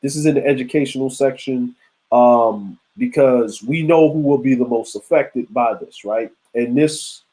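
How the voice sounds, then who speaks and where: Speaking at a moderate pace, a forty-something man hosts a live stream and keeps the commentary casual, mixing slang with asides to his chat. His voice is mid-range and mellow, captured on a rough recording.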